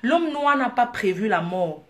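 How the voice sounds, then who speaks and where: Woman vlogger, higher-pitched voice, lively laughing storyteller with excited outbursts. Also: unhurried. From Africa. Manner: animated, laughing, bursts into excited exclamations. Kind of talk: casual vlog storytelling.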